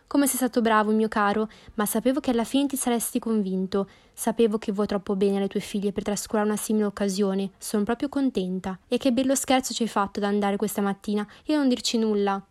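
A woman narrator voicing a fussy, excitable middle-aged mother who complains shrilly in an audiobook. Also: mid-range voice, fast, hardly any pauses, close to an everyday voice. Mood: gushing. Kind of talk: audiobook character voice.

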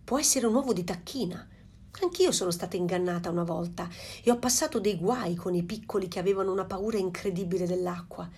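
A woman voicing a knowing old female duck in a storybook reading, giving dismissive advice in a slightly husky voice. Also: on the low side, fast talker, a little mellow.

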